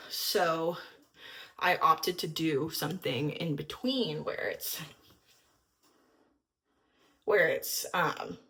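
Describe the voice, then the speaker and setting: Chill young woman vlogging, kinda low voice, upbeat, lots of ums, a bit out of breath. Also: fairly bright tone. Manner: chatty, upbeat, filler-heavy. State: a little out of breath. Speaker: lifestyle vlogger. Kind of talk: casual chat to camera.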